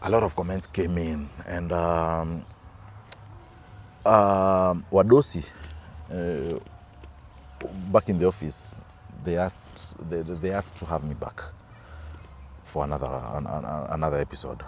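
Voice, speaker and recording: A man's voice: low-pitched, a little slow, pauses often, slight background noise. A Kenyan man, an actor as an interview guest, telling stories and often repeating and restarting words. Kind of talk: storytelling interview.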